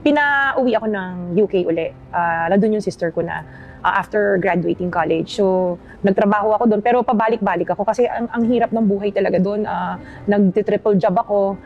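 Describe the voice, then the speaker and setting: A woman's voice: mid-range voice, brisk, a little mellow, dull audio, faint music behind. A middle-aged woman interview guest, chatting casually and politely, mixing Tagalog with English. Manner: mixes Tagalog with English, polite "opo", laughs easily.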